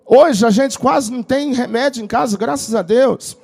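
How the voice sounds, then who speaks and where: A man preaching a sermon as pastor, moving between intimate storytelling and loud shouted declarations. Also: very high-pitched, normal speed, gravelly, breathy edge. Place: church tent.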